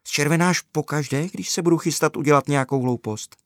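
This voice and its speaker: A man voicing an eager young schoolboy in a children's story, with high, excited exclamations. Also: no echo, studio quality, natural voice.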